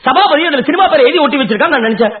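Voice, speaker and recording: An actor playing a wisecracking video shop owner who teases everyone. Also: male voice, extremely high pitch, animated, distant mic. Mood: puzzled. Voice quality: sarcastic, quick-witted. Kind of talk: comedy film dialogue. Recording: tinny lo-fi echoey film audio.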